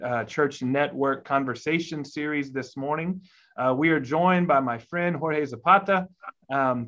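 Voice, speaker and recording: A man's voice: fairly high pitch, fairly bright tone. A man hosting a church conversation series, asking friendly, rambling questions with fillers. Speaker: host. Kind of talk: conversational interview. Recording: dull lo-fi audio.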